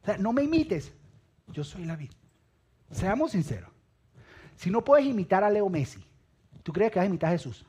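A man preaching a sermon, emphatic, repeating phrases and dropping low and quiet at the ends of lines. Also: very animated, moderate pace, pauses often, breathy edge.

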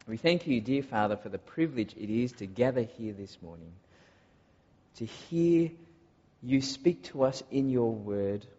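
A man from Malaysia preaching a sermon to a congregation, earnest and often pausing on filler uhs. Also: mid-range voice, expressive, mellow. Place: large church hall. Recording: dull recording in a long-echo hall.

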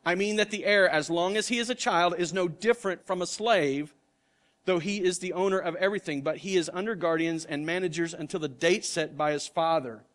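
The sermon comes from a middle-aged pastor with a high voice and fairly bright tone who speaks fairly quickly. His style is earnest and conversational, marked by frequent restarts of words.

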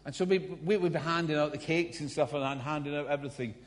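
A man's voice: fairly high pitch, fast talker. Scottish man preaching in an echoing hall. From Scotland. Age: 50s. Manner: storytelling with self-mocking humour. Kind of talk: sermon. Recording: long hall reverb.

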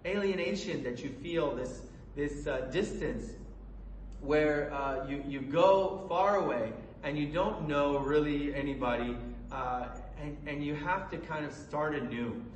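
A man from Colorado preaching a sermon in an earnest, halting way, with many fillers and restarts. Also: a little high, far from the mic, slight background noise. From Colorado, USA. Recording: echoey room from away from the mic.

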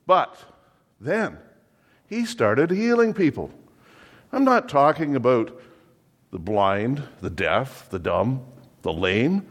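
A man playing a fussy biblical-era undertaker who pitches his business with exasperated, theatrical sales patter. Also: big-room sound. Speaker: comic monologue performer. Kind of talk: comic character monologue.

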